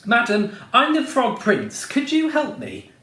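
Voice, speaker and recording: A man reading a storybook aloud, voicing a whiny, flustered young frog prince who talks high and breathlessly. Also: wildly swooping pitch, measured pace, pushed and bright, roomy sound, heavily acted.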